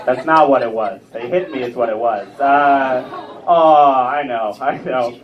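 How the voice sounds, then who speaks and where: A stand-up comedian from Ontario, Canada, in his late twenties, performs a live set on a comedy club stage before an audience. His mid-range voice is a little slow, self-mocking and chatty with the crowd, captured in a distant, muffled recording with a noisy background.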